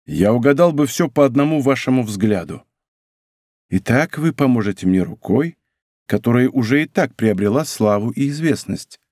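A man's voice: mid-range voice, lively intonation, normal speed, darkish tone, no echo, studio quality, lightly acted. A male reader voicing an ardent, impulsive young nobleman who speaks with passion and bursts into exclamations. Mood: passionate.

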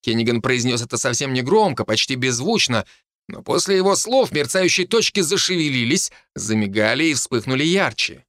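A man narrating an audiobook in the first person, telling it in an expressive, animated way. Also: medium pitch, moderate pace, no echo, clean studio sound.

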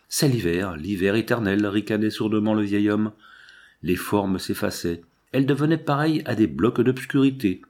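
A man reading a novel aloud as an audiobook narrator, measured and lyrical with dramatic pauses. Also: fairly low pitch, darkish tone.

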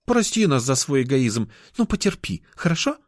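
A man's voice: medium pitch, big pitch swings, moderate pace, no room sound, clean studio sound, pitched above the performer's own voice. A man voicing a playful, affectionate young cat-girl who teases in a bubbly way, in an audiobook reading. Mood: coaxing.

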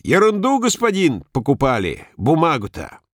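A man reading a story aloud and voicing a gruff, stubborn working-class handyman who speaks in rough colloquial phrases. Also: on the high side, wildly swooping pitch, normal speed, no echo, clean studio sound, voice pushed up. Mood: smug. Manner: rough colloquial speech, offhand and cocky. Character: gruff male handyman, crude, stubborn and boastful.

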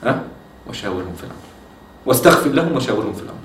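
Lively preacher man in echoey room. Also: mid-range voice, a little fast. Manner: lively, mixes Arabic quotes into German, asks listeners questions. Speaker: Islamic preacher. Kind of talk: religious lecture. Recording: echoey room, from far off, faint noise.

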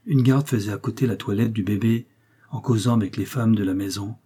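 A man reading a classic novel aloud in a measured, sober storytelling manner. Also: fairly low pitch, steady tone, mellow, slightly rough. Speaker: audiobook narrator. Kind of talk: literary audiobook narration.

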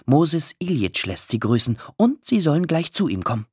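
A man voicing a nervous, frail and breathless male musician in a read-aloud story, with a high, pleading voice that turns shrill when he is offended. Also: very animated, normal speed, breathy edge, dry recording, clean studio sound.

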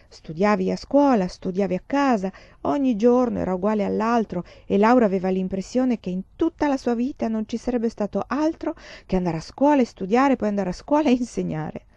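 Calm woman reading a storybook aloud. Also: medium pitch, no echo, dull audio. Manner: slow, calm, expressive reading. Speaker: audiobook reader. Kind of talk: scripted narration.

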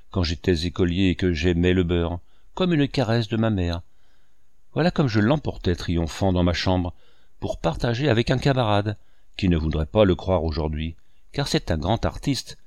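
A man's voice: low voice, darkish tone, dry recording, clean studio sound, close to an everyday voice. A man reading aloud, voicing an aging male painter who muses wryly and wistfully to his housekeeper. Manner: wry musing monologue addressed to a housekeeper.

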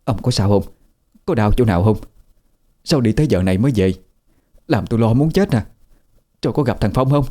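A man's voice: low voice, fairly quick, mellow, lightly acted. A man voicing an anxious, bossy old village wife, firing off fretting questions.

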